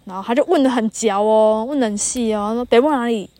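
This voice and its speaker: A woman's voice: a little high, fast talker, dark tone, no room sound. A woman in her thirties with a Taiwanese Mandarin accent, chatting casually as a solo podcast host and telling anecdotes, quoting people and laughing now and then. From northern Taiwan. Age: 30s. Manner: chatty storytelling, quotes people, laughs often. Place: mountain campsite by a campfire.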